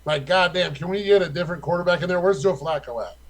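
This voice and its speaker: A man's voice: high-pitched, fast, rough recording. Loose, stat-rattling young man. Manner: loose and profane, rattles off stats. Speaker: fantasy football co-host. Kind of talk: casual podcast chat.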